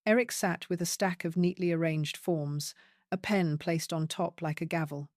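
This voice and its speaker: An older woman narrating a first-person story in a calm, measured, deliberate way. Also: fairly low pitch, dry recording, studio quality.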